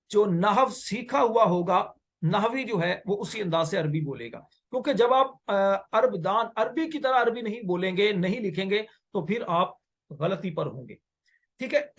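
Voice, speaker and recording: A man lectures on Arabic grammar. He explains step by step, repeats his key phrases and poses questions that he then answers himself. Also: high voice. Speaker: Islamic teacher of Arabic grammar. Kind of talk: classroom lecture.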